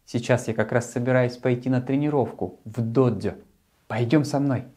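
A man in his thirties presenting to a young child as a children's show host, speaking in a friendly, simple and deliberate way into a lapel mic. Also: mid-range voice, dark tone. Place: small furnished room, later a martial arts hall.

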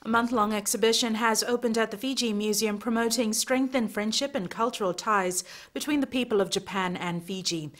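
Young woman anchor reading the news, mid-pitched, studio. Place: television studio.

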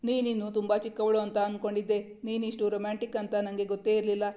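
Woman doing a playful young romance hero, teasing and sweet, kinda flat and dark toned. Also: mid-range voice, fast, lightly acted. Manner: playful, affectionate, mock-stern.

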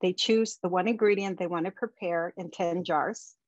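A woman's voice: lowish voice, fairly even intonation, moderate pace, no echo. A woman presenting slides over a video call, giving practical tips in a conversational way with frequent ums. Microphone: video call webcam. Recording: dull, dry webcam audio.

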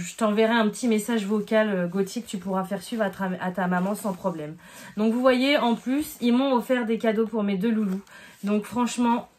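A woman's voice: on the high side, a little hiss or hum. A woman in her thirties unboxing gifts in a casual vlog, gushing with delight and thanking people over and over. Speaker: vlogger unboxing gifts from subscribers. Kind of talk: casual chat.

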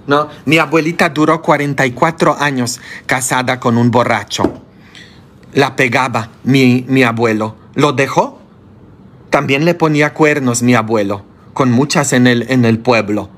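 Blunt, slow-preaching priest. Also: male voice, fairly bright tone. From Poland. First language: Polish. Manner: blunt, scolding, rhetorical questions, sudden high outbursts. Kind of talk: sermon.

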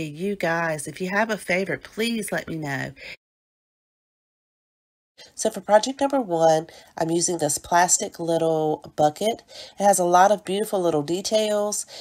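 A woman narrating a home decor craft tutorial step by step, sounding stuffy from a cold, with friendly asides to her viewers. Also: on the low side. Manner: gentle step-by-step explaining, chatty asides to viewers. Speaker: DIY home decor creator.

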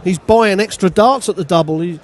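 Male darts pundit, high voice, chatty expert analysis. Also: moderate pace, darkish tone. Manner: chatty, opinionated co-commentator. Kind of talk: live sports commentary.

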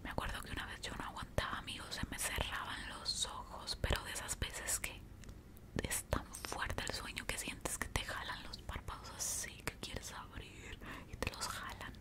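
A young woman with a Mexican accent whispers a casual ASMR storytime while chewing gum, close to a desktop microphone. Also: normal speed. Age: young adult. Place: small indoor room. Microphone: large desktop microphone up close.

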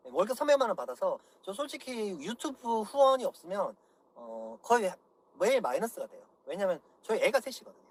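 In a high, sing-song voice at a fairly quick clip, a man in his thirties vents on a livestream as a political YouTuber. He curses, scolds his viewers angrily, and keeps demanding "예?".

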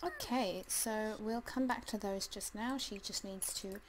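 A woman's voice: mid-range voice, expressive, a little slow, slight background noise, rough recording. A woman casually commenting as she plays a life simulation game, chatty and hesitant, full of ums, and talking to the game characters. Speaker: let's play gamer.

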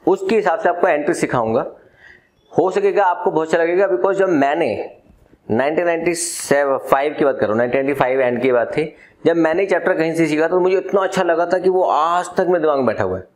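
Guy in his 40s teaching accounts, tells it like a story, voice a bit high. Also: brisk, low-quality recording. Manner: storytelling, mixing Hindi and English. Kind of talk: classroom lesson.

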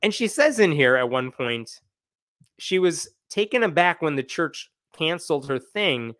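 Male host in his forties, casual livestream commentary, sarcastic and animated, dry small room. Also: a little high, measured pace, no room sound. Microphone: wired earbuds with dangling mic and desk mic.

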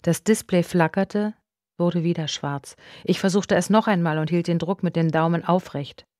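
A woman with a lowish voice narrates a thriller audiobook in a hushed, tense first-person telling. The recording is close and dry, with no room sound around her. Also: normal speed, no echo.

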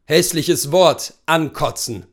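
A man reading a calm, curt professional hunter with a throaty voice. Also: on the high side, takes it slowly. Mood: cool, curt.

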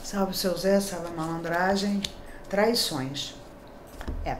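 In a small, decorated indoor room, a middle-aged Brazilian tarot reader gives a daily horoscope reading, chatty and reassuring, often checking in with tag questions. Her voice is fairly low and slow, and the room echoes over background noise.

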